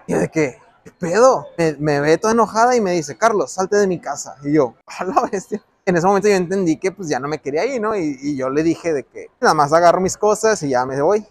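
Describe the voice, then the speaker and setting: A young man with a Mexican accent, telling a slangy, animated story in a casual vlog. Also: on the high side, a little fast. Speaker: vlogger and street interviewer. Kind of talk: casual storytime with street interviews.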